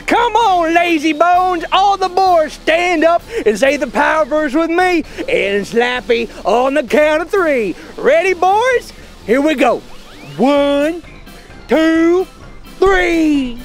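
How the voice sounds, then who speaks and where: A rowdy, exuberant children's lesson host with a very high voice. The delivery is folksy and drawn out, cheering the kids on slowly, with light music behind. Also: heavily acted. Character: rowdy, high-pitched kids' show character named Buster who loves busting stuff. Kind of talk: scripted kids' church lesson.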